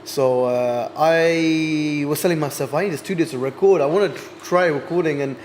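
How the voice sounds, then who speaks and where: Young male artist guest, twenties, hesitant and reflective, slightly high voice. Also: moderate pace, darkish tone, slight background noise. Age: 20s. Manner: thoughtful, hesitant with many ums. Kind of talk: casual interview chat.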